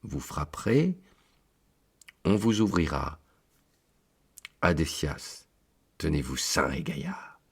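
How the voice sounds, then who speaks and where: A man voicing Saint Peter as a kindly old keeper of heaven's book, calm and fatherly. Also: rumbling low, takes it slowly, long pauses, slightly rough, exaggerated voice.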